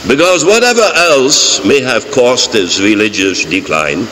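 An older man with a Dutch accent, a priest giving a homily from the pulpit of a large church, slow, deliberate and emphatic. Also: mid-range voice, lively intonation, a bit bright. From Netherlands. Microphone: fixed mic on pulpit. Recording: church reverb, faint hiss.

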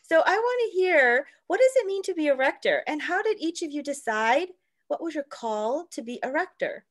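A woman's voice: high-pitched, animated, moderate pace. A middle-aged woman hosting a friendly interview for children over a video call. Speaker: host. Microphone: video call microphone.

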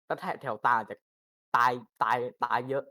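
A man's voice: normal speed, pushed and bright. A young man casually teaching game tactics, rambling with fillers and crude swearing. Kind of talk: casual informal tutorial.

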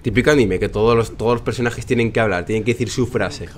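A man's voice: lowish voice, fast, a little hiss or hum. A young man with a Spain Spanish accent, hosting a let's play with joking, sarcastic, swear-filled casual commentary.

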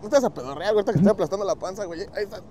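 A Mexican man co-hosting outdoors at a beach, teasing his friend in excitable, slang-heavy casual chat. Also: high voice, very fast, slight background noise. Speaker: co-host.

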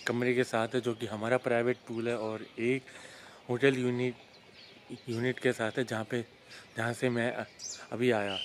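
A man's voice: medium pitch, slight background noise. A young man in a casual walking vlog, chatting to the camera on a phone held at arm's length, joking and correcting himself as he tours a wooded resort. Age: young adult. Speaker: travel vlogger. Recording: faint outdoor ambience with birds.

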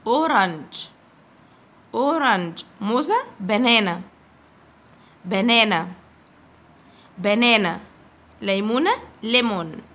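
A woman's voice: a little high, fairly bright tone, slight background noise. Woman teacher drilling vocabulary words. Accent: Egyptian Arabic. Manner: repeats each word slowly and clearly. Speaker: English teacher. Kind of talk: vocabulary review lesson.

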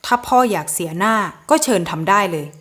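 A woman voicing an arrogant, sharp-tongued young rich man who speaks with scorn in an audio novel. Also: medium pitch, lively intonation, a little fast, natural voice. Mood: mocking. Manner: scornful, mocking.

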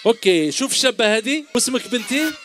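Talking fast in a very high, lively voice, this children's entertainer is a middle-aged Algerian Arabic-accented man on an outdoor stage. Handheld mic in hand, he teases a large crowd of children with quiz questions, joking and addressing them as "my dears," and the recording is very noisy.

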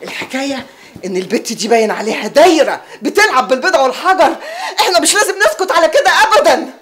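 An actress playing an excitable, mocking Egyptian wife with an Egyptian Arabic accent, in a TV drama. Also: female voice, on the high side, fast. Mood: agitated. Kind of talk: TV drama acting.

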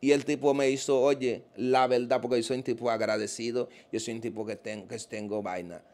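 Animated Dominican man telling street stories. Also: mid-range voice, a little fast. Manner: animated storyteller, acts out quoted voices. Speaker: interview guest. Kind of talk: casual interview.

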